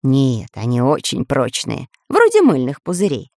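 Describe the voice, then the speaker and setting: A woman voicing a calm, learned old professor in a children's audiobook, speaking slowly and reassuringly in a lowered voice. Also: no echo, clean studio sound, full character voice. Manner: slow, lowered, reassuring explaining.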